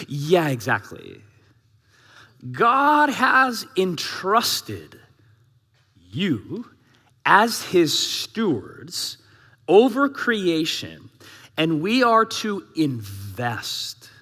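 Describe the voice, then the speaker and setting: A male pastor with a high, bright voice preaches in a big church hall, and long reverb trails each phrase. He talks in a lively, conversational way, firing rhetorical questions at the congregation. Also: husky. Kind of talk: sermon.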